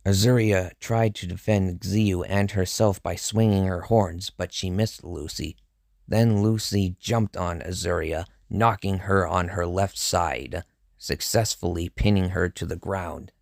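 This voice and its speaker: A man narrating a first-person horror story in a measured, grim storytelling manner. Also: low voice, gravelly, dry recording, clean studio sound.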